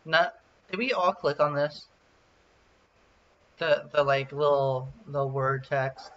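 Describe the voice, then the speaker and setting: A man's voice: a little high, takes it slowly, fairly bright tone. A man playing a puzzle game with friends, frustrated and swearing as he works it out. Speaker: player. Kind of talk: casual gaming chat. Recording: muffled lo-fi voice chat.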